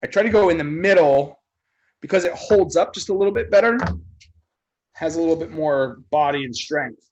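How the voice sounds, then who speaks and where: A man with a slightly high voice runs a casual online cocktail class. He talks like a bartender among friends, loose and joking, with the odd casual swear. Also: expressive, moderate pace, darkish tone, lo-fi sound.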